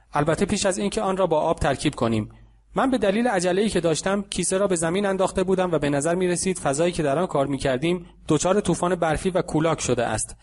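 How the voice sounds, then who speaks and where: Calm, slightly higher-voiced male narrator. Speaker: audiobook narrator. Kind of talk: scripted audiobook narration.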